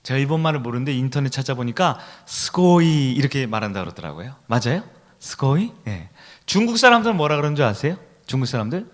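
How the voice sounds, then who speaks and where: A man's voice: medium pitch, very animated, quick pace. A middle-aged man preaching a sermon in a church, who keeps asking the congregation questions and leads them in call-and-response. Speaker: pastor. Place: church sanctuary.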